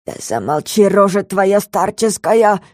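A woman's voice: lowish voice, steady tone, no echo, studio quality, close to an everyday voice. A woman voicing a bossy magical bird-woman who scolds and protects the young heroine. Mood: hissing. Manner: sharp, scolding, quick to anger.

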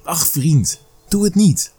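A man's voice: a little high, very animated, mellow, slightly rough, voice pushed up, full character voice. A man voicing a clever small male mouse deer trickster, cunning and pleading, in a storybook reading. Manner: pleading, cunning and quick-witted.

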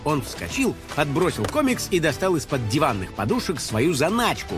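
Man, children's audiobook narrator, fairly high voice, faint music underneath. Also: moderate pace. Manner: expressive, playful.

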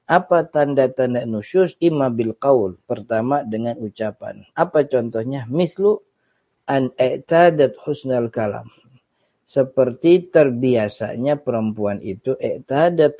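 A man's voice: mid-range voice, lively intonation, a little slow, mellow. A man giving a casual Islamic study lecture, explaining Arabic text phrase by phrase in a chatty way with small laughs. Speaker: Islamic religious teacher. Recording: dull lo-fi audio recording.

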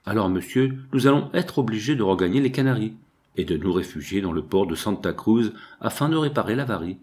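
A man's voice: fairly low pitch, animated, brisk, darkish tone, close to an everyday voice. A man reading a sheepish old sea captain. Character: clumsy old sea captain, awkward and apologetic.

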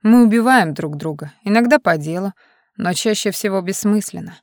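Stern male militia leader, read by a woman, measured lecturing delivery, dry sound. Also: medium pitch, animated, darkish tone, dry recording, natural voice. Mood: reflective. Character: serious stern man, militia leader, self-assured.

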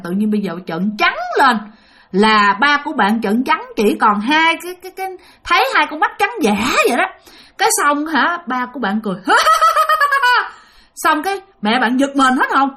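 A woman narrating a ghost story in an animated way, talking straight to her listeners. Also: fairly high pitch, a little fast. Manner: animated, addresses listeners directly.

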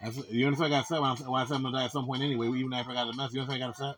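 Fast-talking man, halting and repetitive. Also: mid-range voice, flat delivery, a bit bright, soft background music. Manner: repetitive, keeps asking "you know what I meant?"; halting, many restarts and stammers. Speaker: son talking with his mother. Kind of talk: casual conversation.

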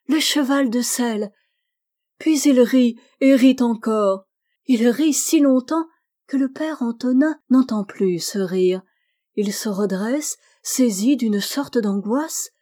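A woman reading a literary story aloud in a slow, gentle, measured way. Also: medium pitch.

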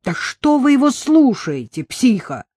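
A reader putting on a gruff older hospital orderly who speaks roughly and bluntly. The put-on voice is raised and loud, recorded dry. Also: sits high, big pitch swings, measured pace, no room sound, pitched above the performer's own voice, heavily acted.

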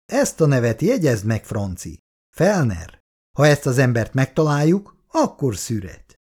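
A man's voice: medium pitch, sing-song, a little mellow, slightly rough. A man voicing a stern older husband and father who speaks drily and commands. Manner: dry, commanding.

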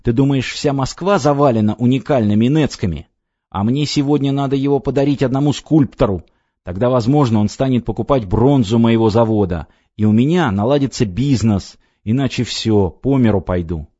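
A man reading an audiobook voices an irritable middle-aged businessman, gruff and exasperated. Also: mid-range voice, very animated, normal speed, warm tone, no echo. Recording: dry, slightly dull audiobook recording.

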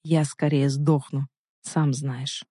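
A man's voice: on the high side, little pitch movement, no room sound, clean studio sound. Дамир: a man playing a domineering possessive man. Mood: angry. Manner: forceful, slow and loud.

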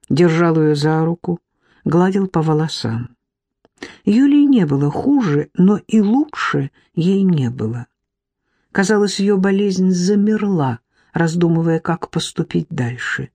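Brief: woman narrator, lowish pitch, calm audiobook reading. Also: a little slow, no room sound.

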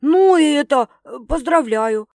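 A woman's voice: high voice, animated, a little slow, a little mellow, dry recording, clean studio sound, pitched above the performer's own voice. A woman reading an audiobook voices Sveta, a brash young woman who teases her sister with bawdy, mocking jokes. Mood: teasing.

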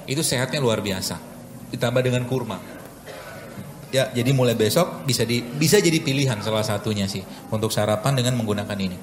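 A man's voice: medium pitch, brisk. A man, a doctor, giving a chatty, joking live health talk with a cooking demo to an audience in a large hall. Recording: echoey hall with room noise.

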